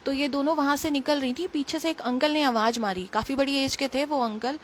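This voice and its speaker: A woman with a Delhi accent telling an emotional personal story in quick, earnest casual speech, recorded on a phone. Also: sits high, a little hiss or hum. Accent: Delhi Hindi. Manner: earnest, emotional, quick retelling with quoted dialogue. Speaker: devotee sharing a testimony.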